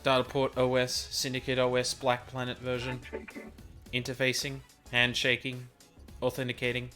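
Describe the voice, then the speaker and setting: A man's voice: mid-range voice, monotone, moderate pace, sharp tone, faint music behind, close to an everyday voice. A man reading as a glitching computer voice. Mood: glitching robotic. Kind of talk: gameplay commentary, reading in-game text.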